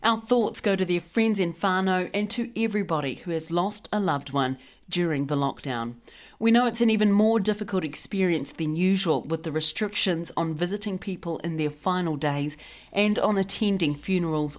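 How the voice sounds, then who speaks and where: Low-voiced New Zealand newsreader woman. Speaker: news podcast host. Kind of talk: scripted news reading.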